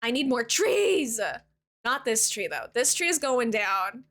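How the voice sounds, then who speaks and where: A woman's voice: fairly high pitch, big pitch swings, measured pace, a bit bright. A young woman from Canada chatting casually with her viewers while live-streaming a game, bubbly and giggly.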